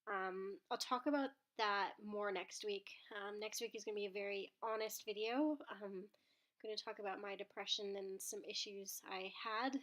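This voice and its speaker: Woman in her 20s, under the weather and breathless, frank and halting vlogger. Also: mid-range voice, fairly even intonation, a bit bright. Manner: candid, hesitant with many ums. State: unwell, out of breath. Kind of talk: casual vlog talk.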